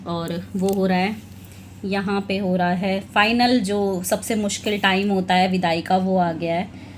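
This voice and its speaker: A woman's voice: medium pitch, fairly even intonation, a little slow. Chatty young woman vlogger, faint hiss. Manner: chatty, laughs between remarks. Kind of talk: casual chat showing her wedding album.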